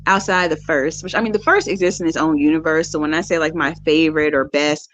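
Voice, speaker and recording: A woman's voice: sits low, steady tone, quick pace, dry recording. A woman co-hosting a podcast, chatting casually about a movie and retelling its scenes in detail. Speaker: podcast co-host. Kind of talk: casual movie recap chat. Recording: dry, dull lo-fi sound.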